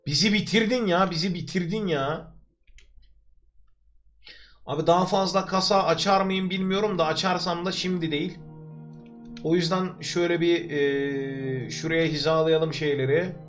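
With the highs cut off, this clip has a young man from Turkey giving live gameplay commentary from his room on a desk mic. His voice is high, he jokes and chats with both his audience and himself, and quiet music plays faintly below.

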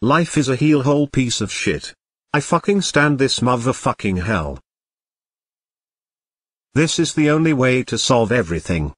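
A man's voice: mid-range voice, lively intonation, measured pace, pauses often, a bit bright, slightly rough, no echo. A synthetic male voice playing a bullied schoolboy son in an amateur cartoon, talking in a stilted, foul-mouthed way. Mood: bitter despair.

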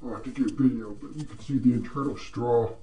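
A man talking through a gas mask, explaining gear in a relaxed, casual product demo. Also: mid-range voice, fast talker, background noise. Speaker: shop owner showing gear. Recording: roomy, mic at a distance.

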